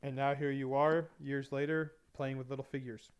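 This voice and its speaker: A man in a casual interview chat, a lively storyteller who acts out both sides of conversations and laughs often. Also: mid-range voice, moderate pace, smooth, highs cut off.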